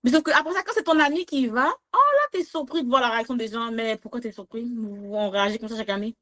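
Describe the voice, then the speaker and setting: A woman from Quebec with a Québécois accent, chatting as a podcast guest and comedian, animated and laughing often with big swings in her voice. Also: a little high, rapid-fire. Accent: Québécois French. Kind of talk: casual interview chat.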